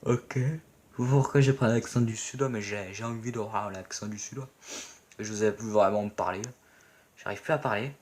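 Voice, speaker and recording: A young French man casually commentating a mobile game match, playful and excitable, joking and swearing at his teammates. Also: on the low side, moderate pace. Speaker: gaming video commentator.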